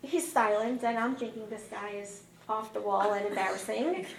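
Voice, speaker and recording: A woman in her thirties telling a personal story about a family car accident, lively and acting out the dialogue in a raised, excited voice. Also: medium pitch, moderate pace, creaky, noisy background. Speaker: mother recounting a car accident. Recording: roomy, distant mic with faint ambience.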